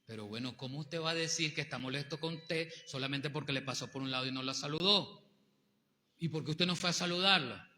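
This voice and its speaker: A male pastor, preaching a sermon with animated rhetorical questions to the congregation. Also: a little high, brisk, a little hiss or hum. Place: church hall. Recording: long hall reverb.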